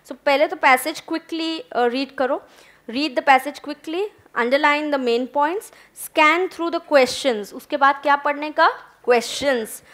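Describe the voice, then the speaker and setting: ऊँची आवाज़ वाली महिला शिक्षिका, कक्षा में व्याख्यान. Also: female voice, high-pitched, a bit bright. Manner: mixes Hindi and English, coaxing students. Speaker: teacher. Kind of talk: classroom lecture. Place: classroom.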